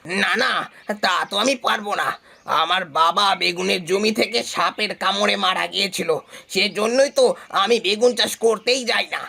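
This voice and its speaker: A woman voicing a scheming, bossy young village man in a cartoon, speaking in a lively way. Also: medium pitch, normal speed, vocal fry. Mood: irritated.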